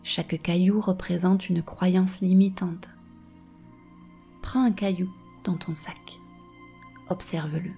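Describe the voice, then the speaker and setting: A woman guiding a meditation softly and slowly, close in your ear, with a breathy voice that often slips toward a whisper. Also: lowish voice, fairly even intonation, soft background music. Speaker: meditation and hypnosis guide. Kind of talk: guided meditation, soft and slow.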